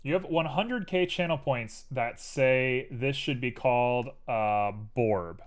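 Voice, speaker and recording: A man's voice: medium pitch, slow pace. A young man streaming while he 3D models, muttering to himself in a playful, rambling way. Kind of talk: casual livestream commentary while 3D modeling.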